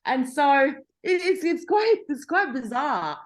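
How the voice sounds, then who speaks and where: A middle-aged Australian journalist talks casually in an interview, her high voice slow and sing-song. She is chatty, often restarting her sentences and laughing.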